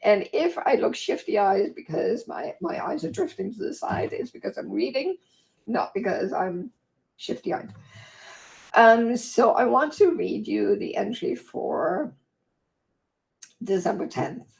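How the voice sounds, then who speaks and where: A Danish woman, a vlog host and author, reads aloud from her own book during a casual livestream, chatty and easily sidetracked. Her mid-range voice is croaky and hoarse after a long day of talking, a little mellow, slow, and full of big pitch swings. The audio quality is poor.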